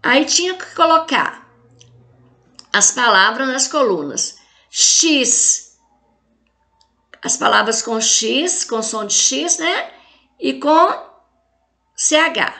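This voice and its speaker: A Brazilian woman teaching a recorded lesson for children, with a high voice that sits well above most women's. She takes her time, speaking slowly and patiently, and her tone is bright and a little sharp. She keeps checking in with the class to encourage them. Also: expressive, creaky. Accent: Brazilian Portuguese. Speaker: primary school teacher.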